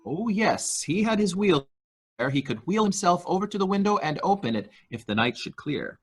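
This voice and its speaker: Heavily acted, this high-sitting male voice has big pitch swings, a breathy edge and normal speed. In the murder mystery reading he is the primly servile nurse-attendant to a rich invalid, deferential, formal, hesitant and obsequious, with a nervously formal mood.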